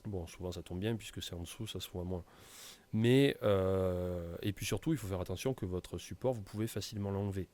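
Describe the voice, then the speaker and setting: Man, low mellow voice, casual tutorial, lots of ums. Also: a little fast. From France. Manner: casual, many hesitations and fillers. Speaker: tutorial presenter. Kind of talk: screen-recorded software tutorial.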